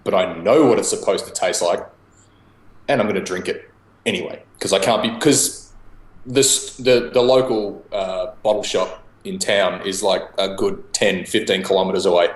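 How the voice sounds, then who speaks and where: Young Aussie guy, low voice, relaxed drawl, echoey room on a video call. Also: moderate pace. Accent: Australian. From Australia. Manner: laid-back, laughs often, swears casually. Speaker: guest homebrewer. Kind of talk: casual chat over a video call.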